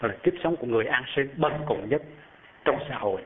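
A man preaching and telling a Buddhist story to an audience, often asking them questions and lifting his voice high as he describes things. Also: fast talker, slight background noise. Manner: animated, asks the audience questions, rises high when describing. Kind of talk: storytelling sermon. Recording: tinny phone-like sound. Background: live audience.

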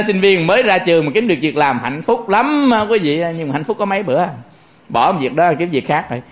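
A male Buddhist monk gives a conversational sermon, his voice sitting well above the usual male range. He jokes freely and keeps turning to the listeners to draw them in. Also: high-pitched. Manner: chatty and joking, constantly addressing the audience. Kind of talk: conversational sermon to lay followers.

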